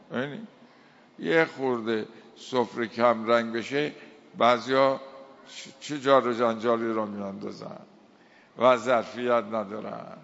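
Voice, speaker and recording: A man from Iran delivering an impassioned sermon, piling up harsh lists of condemning words and slowly reciting Arabic verses with weight. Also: medium pitch, gravelly, fairly bright tone. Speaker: cleric preacher. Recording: dull sound with long hall reverb.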